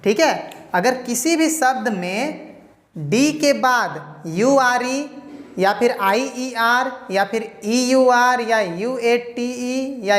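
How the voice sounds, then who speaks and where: Woman teaching pronunciation in an echoey room. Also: fairly high pitch. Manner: explains step by step, asks and answers her own questions. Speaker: English teacher. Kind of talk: pronunciation lesson.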